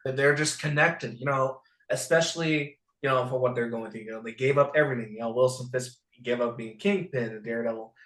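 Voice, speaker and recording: A male guest talks through a casual recap in a halting way, leaning on fillers and restarts. His voice sounds roomy, with a clear echo around it. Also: mid-range voice, a bit bright. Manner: halting, full of "you know" restarts.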